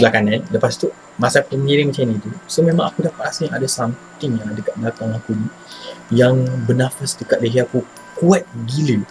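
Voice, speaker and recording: Malaysian man, casual ghost-story teller, fast and slangy, acts out his own shouts. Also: mid-range voice, rough recording. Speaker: channel host telling a personal ghost story.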